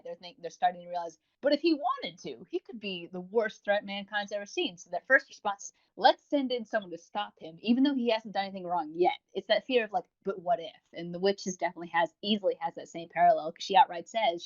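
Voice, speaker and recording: A podcast co-host with a voice that sits high chats casually while reviewing audio roleplay series, rambling and gushing about them with self-mockery and casual swearing. The sound is lo-fi.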